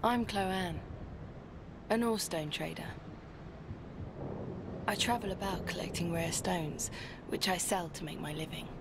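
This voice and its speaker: A woman's voice: fairly low pitch, measured pace, pauses often, noisy background. An actress voicing a weary wandering female stone trader in video game dialogue.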